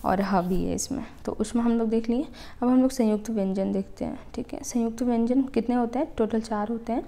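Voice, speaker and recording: A woman with a mellow, fairly high voice teaches an exam-prep Hindi grammar lesson. She explains step by step, often saying "ठीक है" to check understanding, and sounds out letters slowly to show pronunciation.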